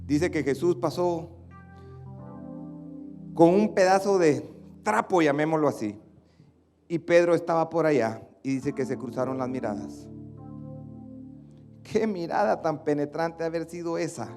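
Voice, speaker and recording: A man pastor preaching a sermon dramatically, swinging between loud outbursts and hushed lines. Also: fairly high pitch, expressive, a little slow, long pauses, over music.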